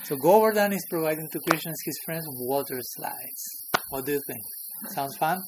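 A man's voice: fairly high pitch, lively intonation, moderate pace, noisy background. A man teaching a scripture class, who chuckles often and keeps checking in with his listeners. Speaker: spiritual teacher.

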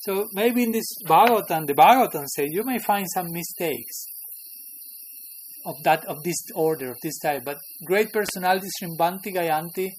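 A man's voice: high-pitched, moderate pace, a little hiss or hum, poor audio. A man teaching a scripture class, who chuckles often and keeps checking in with his listeners. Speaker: spiritual teacher.

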